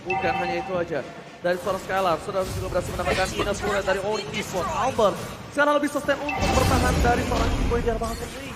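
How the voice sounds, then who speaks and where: An Indonesian man casts esports like a fighting game announcer, dramatic and very high in pitch. His delivery is fast, and loud music plays behind him. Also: fairly even intonation. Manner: dramatic, shouts kill calls. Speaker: esports play-by-play caster. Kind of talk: fighting game announcer style live match commentary. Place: live esports tournament broadcast.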